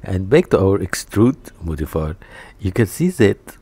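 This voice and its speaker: Low, husky-toned male tutor, lively rises and falls, talking calmly through each step at the desktop mic. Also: measured pace, no room sound. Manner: step-by-step, methodical, with restarts and a stumble over a word. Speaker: 3D modeling tutor. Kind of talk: screen-recorded software tutorial.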